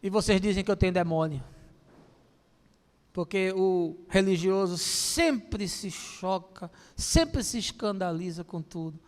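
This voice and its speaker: A middle-aged male pastor preaching a lively sermon, acting out voices and calling out to his listeners. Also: sits high, measured pace. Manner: animated, acts out voices, calls listeners "my brother". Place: church. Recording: long church-hall reverb.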